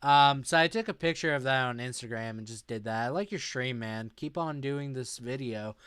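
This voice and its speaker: A young man chatting casually on a live stream, reading out chat messages and answering them. He sounds sleep deprived and talks in a slow, drowsy way. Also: medium pitch, a bit bright, clear, resonant tone, no room sound, clean studio sound.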